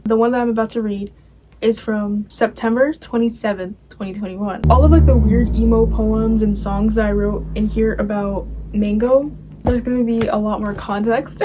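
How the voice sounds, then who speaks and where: A woman's voice: on the high side, background noise. A young woman in her teens reading aloud from her old diary with casual, embarrassed, giggly asides. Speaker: vlogger.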